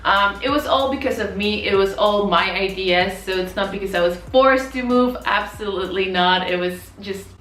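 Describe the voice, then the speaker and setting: A woman's voice: mid-range voice, normal speed, few pauses, a bit bright. A woman in her twenties from Poland, chatting casually to camera as a vlogger and correcting herself as she goes. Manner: chatty, recounting with fillers and self-corrections. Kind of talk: casual vlog talk to camera. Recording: roomy echo, mic at a distance.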